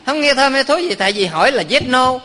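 A man's voice: very high voice, animated, quick pace, pushed and bright, slight background noise. A man, a Buddhist monk giving a humorous dharma talk, quizzing his listeners and telling stories. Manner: quizzes the audience, jokes and tells stories. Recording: long hall reverb.

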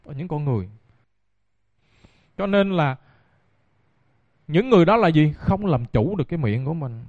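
Animated and at a moderate pace, a man with a voice on the high side delivers a Buddhist dharma talk, storytelling and addressing listeners directly as a monk. There's no room sound, and the recording is dull, dry, and lo-fi.

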